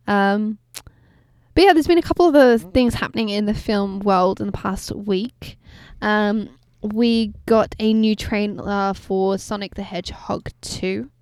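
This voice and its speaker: A woman co-hosting a film podcast, chatting casually and gushing excitedly, rambling with fillers and apologizing for ranting. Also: medium pitch, a little slow, smooth, dry recording, studio quality. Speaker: podcast co-host.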